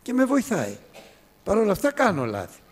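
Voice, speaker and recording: A man preaching a sermon, telling a story with swings from soft to loud. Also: high voice, huge pitch swings.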